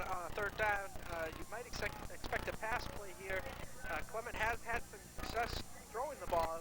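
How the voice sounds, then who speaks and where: A man with a strikingly high voice offers color commentary on a live football game. He analyzes in a halting, think-aloud manner, over clearly audible ambient noise. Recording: noisy live outdoor game recording.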